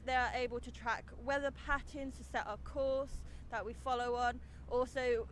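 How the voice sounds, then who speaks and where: Female tour guide, high voice, informal and explanatory, faint background noise aboard a ship. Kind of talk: casual guided tour narration. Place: on board a ship. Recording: faintly noisy ship recording.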